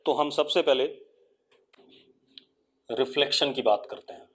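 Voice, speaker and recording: The speaker is a man with an Indian accent leading a live online physics lesson, repeatedly coaxing his class with questions and holding for their responses. His medium-pitched voice has a bright, forceful quality as he slowly dictates definitions in English, word by word.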